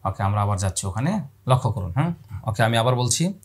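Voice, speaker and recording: A man whose voice is on the low side with a breathy edge talks at a quick pace while teaching Quran pronunciation step by step. After calm explanations he elongates each letter sound in long calls, and he raises questions only to answer them for the viewer himself.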